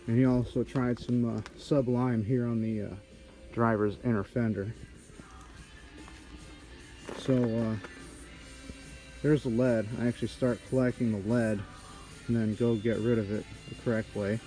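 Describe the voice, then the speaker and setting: Brief: man, muffled respirator voice, mellow tone, casual workshop narration, handheld camera. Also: mid-range voice, level tone, faint music behind. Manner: halting, many fillers while working. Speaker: car restorer. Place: auto body garage.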